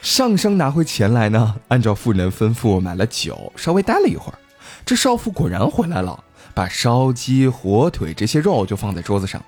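A podcast host tells a ghost story casually, trading jokes with his co-hosts in a lively, playful manner. His voice is medium in pitch and normal in speed, and soft music plays underneath.

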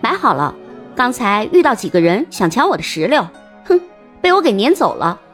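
A woman's voice: fairly high pitch, very animated, moderate pace, husky, soft background music, voice pushed up. A woman voicing an arrogant, bold young lady in an audiobook. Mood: gloating. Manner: arrogant, brash.

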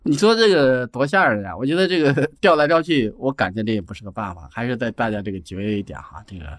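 A man from Shaanxi, a guest writer on a podcast, talking in a lively, chatty way and often laughing. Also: medium pitch, fast talker, no room sound. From Ankang, Shaanxi, China. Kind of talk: conversational podcast interview.

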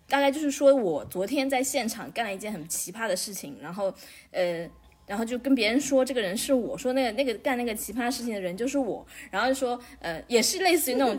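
A woman's voice: a little high, slightly rough. A woman telling a long story in casual chat, rambling with many restarts.

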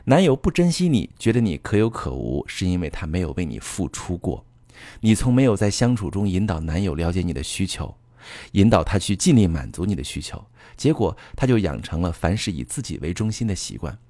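A man's voice: low-pitched, big pitch swings, a little fast, dark tone, no echo. A man giving relationship advice in an earnest, instructive monologue, speaking directly to his listeners.

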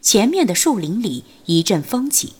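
A woman narrating a martial arts novel as an audiobook, in an expressive storytelling manner. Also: mid-range voice, normal speed, slightly rough, soft background music.

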